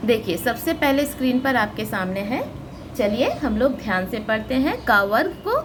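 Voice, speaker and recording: A woman's voice: fairly high pitch, lively intonation, noisy background. A woman teacher giving a phonics lesson to children, stretching out each syllable and explaining patiently step by step. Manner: slow, drawn-out syllables for children to repeat.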